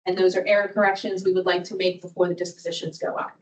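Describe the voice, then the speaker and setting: A woman's voice: on the low side, level tone, quick pace. A woman staff member speaking formally and reporting at a board meeting. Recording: muffled, distant meeting microphone.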